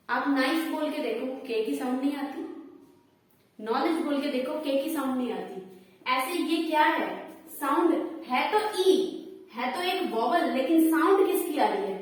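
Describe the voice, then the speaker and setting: A woman teaching an English grammar lesson, asking questions and answering them herself, repeating the key words. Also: sits high. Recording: echoey hall, voice from far off.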